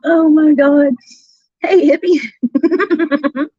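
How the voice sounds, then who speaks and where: Chatting casually on a live stream, a woman comes across as giggly, crude, and incredulous. Her voice is high, steady, and mellow, and she speaks very slowly with no room sound. The audio is dull and lo-fi, like replayed stream audio.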